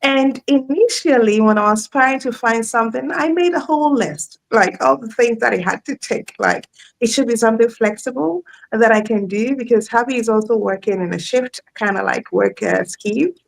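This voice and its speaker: Chatty woman with a gravelly edge. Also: a little high, moderate pace, low-quality recording. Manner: warm, chatty, laughs often. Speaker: guest. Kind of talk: live interview chat.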